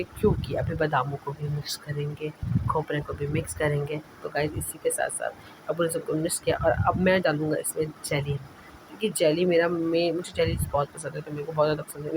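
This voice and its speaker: Chatty young man with a noisy recording. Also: on the high side. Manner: chatty, rambling, self-correcting. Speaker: vlogger. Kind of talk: casual vlog voice-over.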